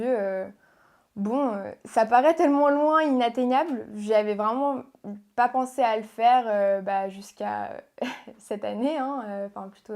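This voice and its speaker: A young woman from Portugal, a pageant contestant answering interview questions in a soft, hesitant way with many pauses and fillers. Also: fairly high pitch. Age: young adult. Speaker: guest, beauty pageant contestant.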